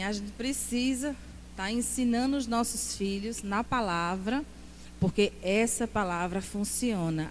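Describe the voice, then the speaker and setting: A woman's voice: medium pitch, big-room sound, a little hiss or hum. A middle-aged woman, giving a fervent church teaching to a women's class and tossing in praise interjections. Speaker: women's Bible class speaker. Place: church hall.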